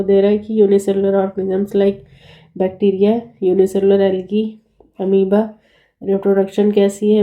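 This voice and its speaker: A woman teaching an exam-prep lesson, hoarse from a cold and sore throat, talking in a chatty, reassuring way and mixing English terms into her explanations. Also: mid-range voice, warm tone, muffled recording.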